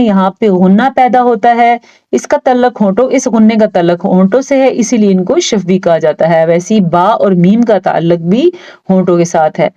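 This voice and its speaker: A woman teaching Quran pronunciation step by step, explaining each rule and then drawing out the recited words slowly. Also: mid-range voice, mellow, lo-fi sound.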